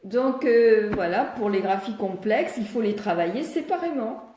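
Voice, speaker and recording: An older woman speaks as a speech therapist in a live video Q&A, explaining things patiently and step by step. Her voice is warm and mellow. The room around her rings with echo. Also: mid-range voice, expressive, normal speed, a little hiss or hum. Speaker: speech therapist answering viewers' questions. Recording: echoey room.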